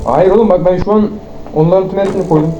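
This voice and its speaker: A young man chatting fast and teasingly while gaming with friends, swearing casually. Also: sits high, mellow, soft background music. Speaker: gamer. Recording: roomy, dull with noise.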